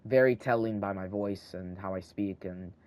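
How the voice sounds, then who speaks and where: With a low-pitched, darkish voice at normal speed, a teenage boy with a slight lisp rambles casually while playing a video game at home. He hosts a gaming channel, thinking aloud into a handheld microphone and often restarting.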